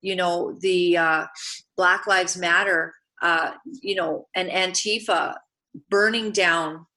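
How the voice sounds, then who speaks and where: A woman's voice: on the low side, fairly even intonation, takes it slowly, bright, forceful tone, poor audio. A woman born in Uganda hosting a political talk show, speaking earnestly and emphatically. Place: Vancouver area.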